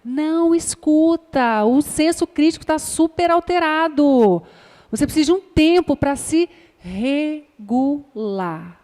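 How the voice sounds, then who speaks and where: A woman with a high voice is teaching a class. She coaxes gently as she explains, and her words ring out with a long reverb, as if in a large echoing room. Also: lively intonation, takes it slowly. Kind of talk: classroom lecture.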